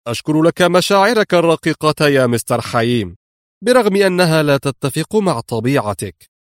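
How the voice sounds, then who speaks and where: A man's voice: mid-range voice, animated, a little fast, no room sound, studio quality, natural voice. A man reading an audiobook and voicing a cool, sarcastic adult male hero.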